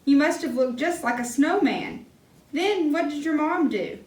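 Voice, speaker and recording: A woman voicing a kind grown-up friend in a church puppet skit, speaking in a gentle teaching tone. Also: sits high, lively intonation, unhurried. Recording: roomy hall, mic far off.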